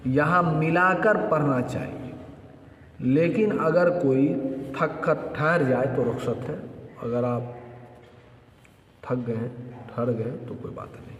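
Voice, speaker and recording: A man giving a religious lesson, explaining each point slowly and deliberately. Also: fairly high pitch, a little hiss or hum. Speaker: religious teacher. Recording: echoey hall with long reverb.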